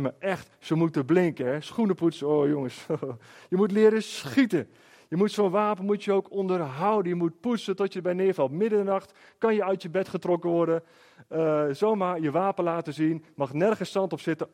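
A middle-aged man telling a story to an audience in a lively way, often checking in with his listeners through short rhetorical questions. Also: high-pitched. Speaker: speaker.

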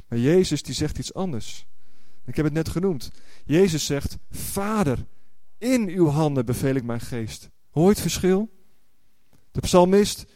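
A man's voice: on the high side, dark tone, no echo. A man preaching a sermon, explaining word meanings and building to fervent, emphatic exclamations with repeated words.

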